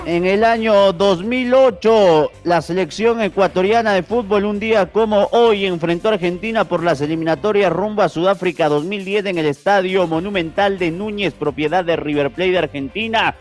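Man, sports radio presenter, high voice, faint music bed. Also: brisk, hardly any pauses. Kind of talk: presenting a nostalgic segment over music.

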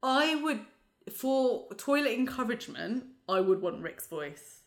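A woman co-hosting a podcast in casual chat, chatty and quick to laugh. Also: on the high side. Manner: chatty, laughs often, animated asides. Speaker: podcast co-host.

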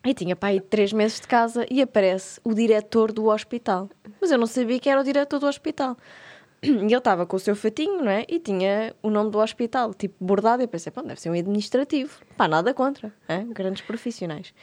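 A young woman with a European Portuguese accent recounts embarrassing stories in a relaxed chat. She laughs a lot and slips into little voices for the people she quotes. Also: a little high, fairly quick. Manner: animated, laughs often, acts out voices in anecdotes. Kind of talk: casual storytelling chat.

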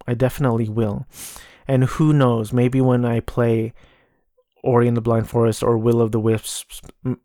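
A man hosting a casual solo gaming podcast in a monotone, low-energy voice with vocal fry, hesitating and stammering over repeated words. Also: normal speed, no room sound, clean studio sound. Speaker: podcast host. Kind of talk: casual solo podcast talk about video games.

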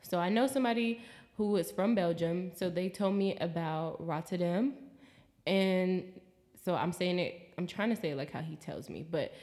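An American woman chatting casually in a travel vlog, expressive and swearing freely, acting out her own quotes. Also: on the low side, normal speed. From United States. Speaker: vlogger.

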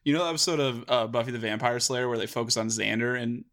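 Guy with a creaky mid voice, podcast cohost rambling out ideas, says like a lot. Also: medium pitch, fast, fairly bright tone. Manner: rambling, peppered with "like". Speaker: podcast co-host. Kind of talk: casual improv brainstorming chat.

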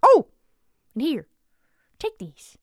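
A woman voicing a cheerful, chatty elderly woman in a storybook tale, talking high and laughing. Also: huge pitch swings, slow pace, no echo, clean studio sound, full character voice. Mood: chirpy. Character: cheerful rambling elderly woman juggling apples.

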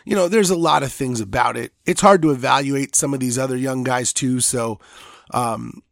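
A man's voice: medium pitch, moderate pace, creaky, fairly bright tone, no room sound, studio quality. An American man giving casual, unscripted sports commentary in a rambling, opinionated way.

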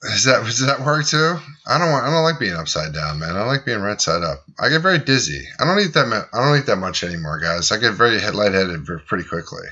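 A man's voice: fairly low pitch, very animated, fast talker, few pauses, sharp tone, lo-fi sound. A man hosting a casual podcast chat, rambling and joking. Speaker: podcast host.

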